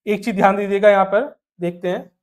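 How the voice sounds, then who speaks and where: A man's voice: high voice, fast talker. A man teaching an exam-prep math lesson, repeatedly asking rhetorical questions and answering them himself, and calling listeners "my dear". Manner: calls listeners "my dear", mixes English terms into Hindi; counts numbers aloud in steady rhythm.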